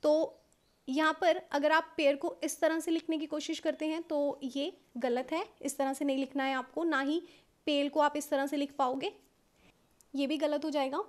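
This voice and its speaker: A woman with an Indian accent teaching a shorthand lesson step by step. She explains patiently, checks in with "okay" often, and slows down to dictate rules. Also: high voice, little pitch movement. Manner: patient explaining, frequent "okay" checks, mixes English terms into Hindi; slows right down to dictate English rule lines.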